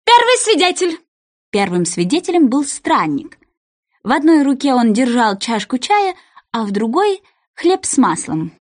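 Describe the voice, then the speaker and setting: Woman, storybook narrator, playful, expressive, slightly high, lively pitch. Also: measured pace.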